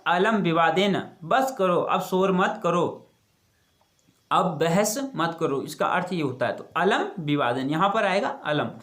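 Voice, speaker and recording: A teacher at an ordinary middle pitch works through a school textbook lesson. Each line is read aloud first, then broken down patiently. Along the way the teacher keeps asking the class questions and answering them. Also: fairly bright tone. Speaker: Sanskrit teacher.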